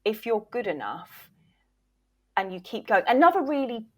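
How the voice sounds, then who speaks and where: Her fairly high, fairly bright voice is very animated and keeps a moderate pace. She's an interview guest, a voice reel producer who was once a voiceover agent, and she talks conversationally and with emphasis, often putting on the voices of imagined actors asking questions.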